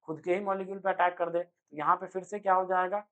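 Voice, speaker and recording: A young man giving an energetic online chemistry lecture, speaking loudly and constantly quizzing his students with quick rhetorical questions. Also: sits high, muffled recording. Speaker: chemistry teacher. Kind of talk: online exam-prep lecture.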